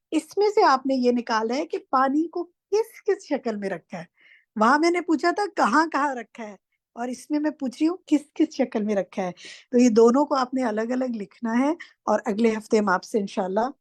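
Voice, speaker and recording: A woman's voice: a little high, darkish tone, no echo, clean studio sound. A woman teaching an online class. She questions her students and corrects them firmly. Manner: firm, corrects students directly. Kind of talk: interactive class quizzing students. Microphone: online class microphone.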